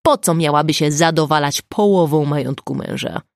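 A brash, arrogant male prosecutor barks his reprimands in a loud, raised voice, as a woman reading an audiobook puts him on. The tone is gravelly and swoops around a lot. The sound is dry and close. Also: on the low side, big pitch swings, unhurried, no room sound, full character voice. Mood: angry.

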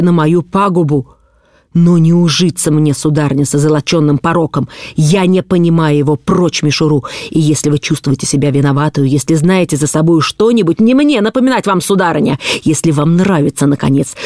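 A woman's voice: deep voice, darkish tone, dry recording, studio quality, close to an everyday voice. Woman voicing a stern, cold husband. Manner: stern, rough, reproachful. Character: stern proud middle-aged husband, cold and harsh. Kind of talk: audiobook character reading.

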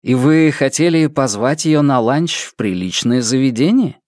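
A man's voice: mid-range voice, expressive, moderate pace, a little mellow, dry recording, clean studio sound, lightly acted. A man voicing a playful, teasing male detective in an audiobook, ironic and joking, sometimes breaking into song. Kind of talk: audiobook character voice.

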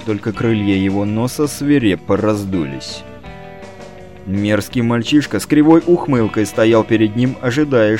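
A man narrating an audiobook in an expressive, storytelling way. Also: on the low side. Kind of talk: scripted narration.

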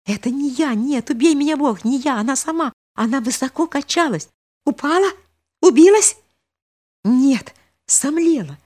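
A woman's voice: high voice, sing-song, slow pace, warm tone, slightly rough, pitched above the performer's own voice, full character voice. Woman voicing a flustered panicked young man. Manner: flustered, protesting. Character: panicked young prince, devoted youth.

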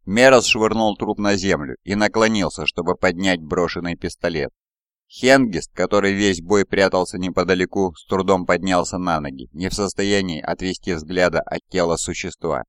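A man narrates an audiobook in a measured, dramatic way, his voice very low and resonant. He is recorded close and dry, with no room sound. The reading is steady and carefully paced. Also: clear, resonant tone, no room sound.

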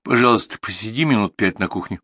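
Brief: male reader playing a composed young woman, quiet and level, dry close mic. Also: on the low side, fast, dry recording. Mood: firm. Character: calm, devout young adult daughter.

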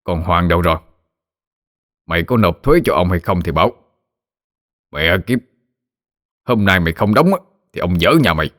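A man doing a hoarse, bullying village chief. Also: low voice, lively intonation, normal speed, long pauses, a bit bright, no room sound, clean studio sound. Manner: bullying, barking threats. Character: brutal middle-aged male village chief. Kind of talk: storytelling.

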